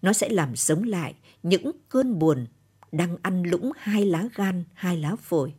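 A woman narrating a literary short story for radio in a measured, solemn reading. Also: lowish voice, lively intonation, mellow.

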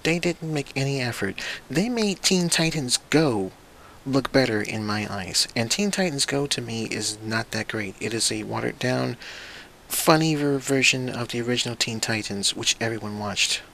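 A man's voice: medium pitch, normal speed, creaky, pushed and bright, slight background noise, low-quality recording. A man giving a profane, exasperated ranting review of a cartoon, slipping into mocking voices.

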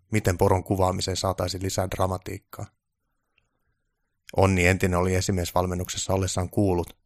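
A man reading a story aloud in calm, scripted narration. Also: deep voice, gravelly, dry recording, clean studio sound.

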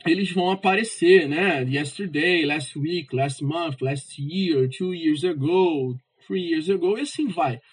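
A man's voice: fairly high pitch, slow, hardly any pauses, slightly rough, poor audio. A male English teacher giving a casual grammar lesson, ending almost every phrase with "tá?" and stressing syllables of English example words. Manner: casual, repeats "tá?" as a check after nearly every phrase.

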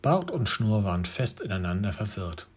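A man reading a fairy tale aloud, narrating in a lively way with occasional slips. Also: lowish voice, moderate pace, husky. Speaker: storyteller.

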